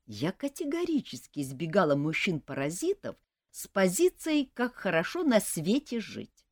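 A woman's voice: fairly low pitch, huge pitch swings, moderate pace, no room sound. A woman narrating a first-person story with dry, sarcastic humor, also voicing the heroine's own lines. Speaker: audiobook narrator.

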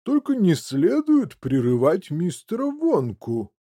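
A man's voice: high voice, huge pitch swings, slow, warm tone, full character voice. A man reading an audiobook and voicing a meek, indulgent father who hems and soothes his daughter. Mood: placating. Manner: hesitant, placating, hemming.

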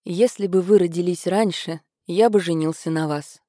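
A woman's voice: lowish voice, normal speed, mellow, no room sound, clean studio sound, lightly acted. A woman voicing a cruel, mocking older nobleman in a read-aloud story. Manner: mocking, sneering. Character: cruel sneering older male marquess.

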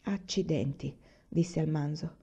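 A woman's voice: low voice, a little slow, mellow, husky, muffled recording. A woman reading a novel aloud, giving the characters' lines small shifts of voice and dropping her level on the narration tags. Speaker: reader.

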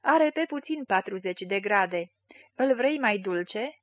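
A woman's voice: medium pitch, lively intonation, no room sound, dull audio, close to an everyday voice. A woman voicing a sly, skinny male schemer in a storybook reading, talking in a honeyed, wheedling, boastful way.

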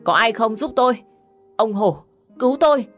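A pregnant young wife pleads and pushes back against her tormentor, as a woman reader plays her. Her voice is low and strained with distress. Soft music sits in the background. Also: fairly quick, natural voice. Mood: pleading. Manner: pleading, defensive.

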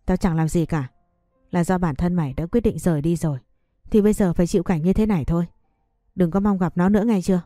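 A woman's voice: lowish voice, fast, mellow, no room sound, clean studio sound, soft background music, close to an everyday voice. A woman voicing a domineering older mother-in-law in an audio story, speaking with scolding contempt. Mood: scornful.

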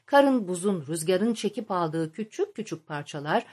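A woman reading a novel aloud as an audiobook narrator, in a measured, literary storytelling manner. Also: fairly low pitch, expressive, darkish tone, breathy edge.

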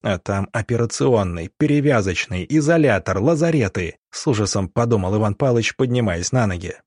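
A man narrating an audiobook with a dramatic, measured delivery. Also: on the low side, expressive, a little mellow, breathy edge, dry recording, studio quality.

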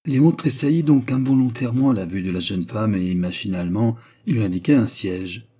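Low dark-voiced guy reading a novel aloud, calm and even. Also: a little fast, slightly rough. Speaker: audiobook narrator. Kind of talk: scripted narration.

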